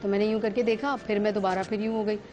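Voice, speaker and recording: A woman's voice: medium pitch, flat delivery, quick pace, a little mellow. A woman from Pakistan, a talk-show guest, telling a vivid personal story and acting out what others said.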